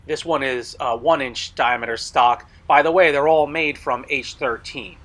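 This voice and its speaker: Bright-voiced man presenting items. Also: mid-range voice, moderate pace. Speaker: blacksmith video host selling tools. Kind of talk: product showcase narration.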